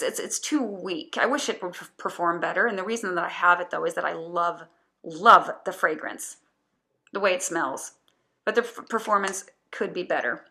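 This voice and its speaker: A woman talks through her perfume picks in a loose, chatty way, often stopping to restart a phrase. Her voice is bright and a touch low for a woman, with an easy, unscripted flow. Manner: chatty, hesitant, many restarts and fillers. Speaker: perfume reviewer. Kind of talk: casual product review.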